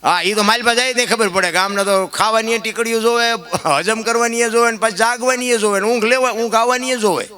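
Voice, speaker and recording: A man giving a folk discourse to a live audience, rustic and preachy, swinging between loud outbursts and soft asides. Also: extremely high pitch, fairly even intonation, fairly quick, hardly any pauses. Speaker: folk storyteller and speaker.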